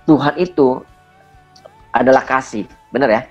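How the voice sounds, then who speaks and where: A man's voice: medium pitch, a little slow, highs cut off, faint music behind. A man around forty, a pastor, giving an earnest personal testimony in conversation, speaking emphatically with a slight stammer. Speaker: pastor, guest.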